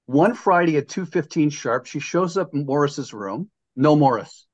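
A man's voice: fairly high pitch, lively intonation, moderate pace, highs cut off. An older man hosting a casual sports podcast, jokey and rambling, with lots of restarts. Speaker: podcast host.

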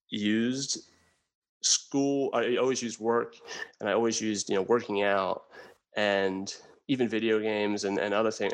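A man in his thirties from New Jersey, telling his own hard life story as a guest in an earnest, halting way, often restarting his sentences. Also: on the low side, creaky, low-quality recording. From New Jersey, USA. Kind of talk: candid personal storytelling.

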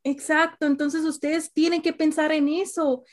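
High-voiced young woman. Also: measured pace. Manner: animated storyteller, asks questions. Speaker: podcast host. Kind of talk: casual family chat.

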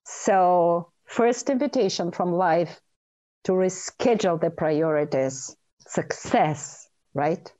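A woman's voice: fairly low pitch, takes it slowly, dark tone. A middle-aged woman from Bulgaria, speaking earnestly and emphatically as an interview guest. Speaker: guest, dentist and author. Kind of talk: interview storytelling.

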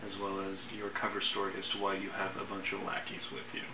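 A man's voice: low-pitched, completely flat delivery, brisk, recorded from a distance. A man narrating a tabletop game as the game master. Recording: echoey room with loud noise.

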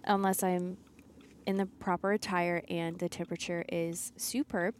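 A woman's voice: lowish voice, level tone, moderate pace. Valley girl woman in casual chat. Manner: talks like a Valley girl, with frequent "like". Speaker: podcast co-host.

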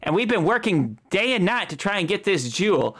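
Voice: mid-range voice, big pitch swings, a little fast, a bit bright. A game master voicing a very old woman, kindly and fretful, exclaiming in a folksy way during a tabletop game. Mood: earnest, worried. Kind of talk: tabletop game role-play.

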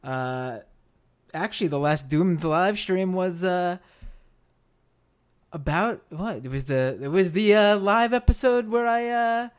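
An American man with a hoarse, worn-out voice hosts a live stream, talking casually and haltingly, repeating phrases for emphasis. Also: high-pitched. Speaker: live stream show host.

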